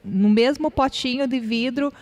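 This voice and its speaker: A woman's voice: high voice, unhurried, darkish tone. A Brazilian woman co-hosting a casual church podcast, explaining her points and thinking aloud. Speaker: podcast co-host.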